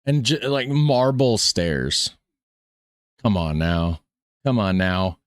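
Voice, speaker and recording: A man's voice: fairly low pitch, expressive, slow, a little hiss or hum. An American man giving casual, folksy reaction commentary on a video, often repeating himself. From United States.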